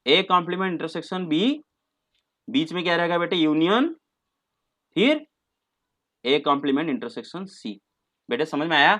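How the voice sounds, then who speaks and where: A man's voice: a little high, lively intonation, slow pace, pauses often, a bit bright. A man teaching a maths class online, patient and coaxing, mixing English terms into his talk and calling students "beta".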